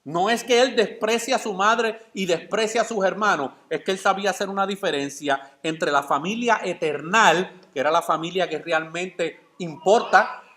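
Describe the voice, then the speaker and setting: High-voiced pastor preaching a sermon. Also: male voice, moderate pace, a bit bright. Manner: preaching with rhetorical questions, answering them himself.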